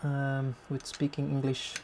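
Over the clatter and machine noise of an industrial shredder in his workshop, a Flemish man from Belgium in his thirties hosts his channel, talking off the cuff as he works. His mid-range delivery is completely flat, and he stumbles, restarts phrases and gropes for English words.

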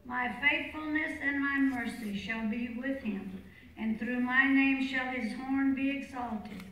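A woman's voice: sits high, takes it slowly, a bit bright. A woman reading scripture formally as a lector at Mass. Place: large reverberant church. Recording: very echoey church, distant mic.

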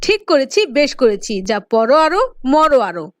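A woman voicing a cruel, scolding middle-aged stepmother in a cartoon, talking with sharp sneers. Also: high-pitched, sing-song, a little slow, no echo. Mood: scolding, spiteful. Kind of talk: cartoon voice acting.

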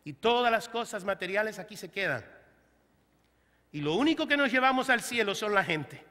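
Male pastor, high and very bright voice, humorous sermon delivery with acted-out quotes, long church-hall reverb. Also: expressive, moderate pace.

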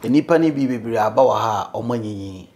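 A middle-aged Ghanaian man, a bishop, talking as an interview guest in a room, mixing English and Twi, animated and preacherly. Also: medium pitch, quick pace, slight background noise. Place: indoor living room, seated on sofa.

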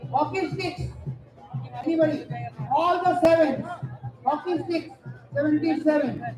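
Unhurried and steady in tone, a middle-aged Indian man with a very high voice calls bingo into a microphone at an outdoor evening Diwali party in front of a stage. He announces numbers digit by digit, drawn out and paired with rhyming nicknames, through an echoey event PA backed by loud music.

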